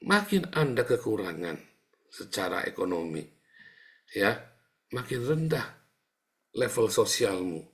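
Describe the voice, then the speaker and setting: Animated preaching man, loud and soft by turns. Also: on the low side, a little slow, pauses often. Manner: animated, swings between loud outbursts and soft asides; addresses listeners as "saudara", chatty and teasing. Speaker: pastor. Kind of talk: sermon.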